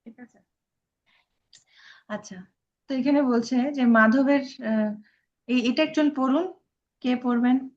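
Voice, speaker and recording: A woman's voice: sits high, slow pace, long pauses, a little mellow. Bengali woman teaching in an echoey room. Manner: explains with rhetorical questions, keeps asking "all right?". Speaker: course teacher. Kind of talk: devotional class teaching. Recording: echoey, dull lo-fi sound.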